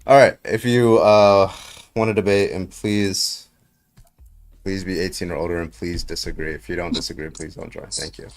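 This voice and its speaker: A man's voice: deep voice, fairly even intonation, normal speed. A man in his thirties hosting a casual livestream debate, talking loosely to viewers. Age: 30s. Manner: loose, laid-back chat with viewers.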